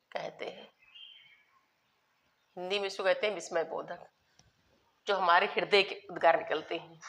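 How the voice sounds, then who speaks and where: A woman's voice: lowish voice, a bit bright. A woman teaching a grammar lesson, spelling words out letter by letter and repeating key terms as she explains. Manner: addresses students as children, asks and answers own questions.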